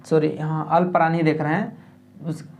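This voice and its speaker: A man's voice: fairly high pitch, level tone, vocal fry, darkish tone. Patient tutor man with Jharkhand accent. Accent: Jharkhand Hindi. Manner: explains patiently, repeats "ठीक है" often, sounds out letters slowly. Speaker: exam tutor. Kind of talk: spoken exam-prep lesson.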